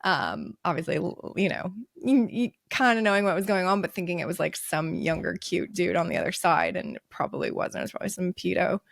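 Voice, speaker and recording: A woman in her late thirties co-hosting a podcast, chatting casually with lots of fillers and quick laughs. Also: on the low side, big pitch swings, creaky, no echo, clean studio sound. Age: 30s. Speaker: podcast co-host. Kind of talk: casual chat.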